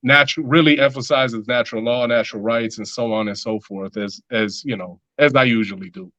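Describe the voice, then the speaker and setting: A man's voice: mid-range voice, a little fast, a bit bright, no room sound, muffled recording. A man talking as a musician guest in a casual interview, loose and rambling with lots of filler words.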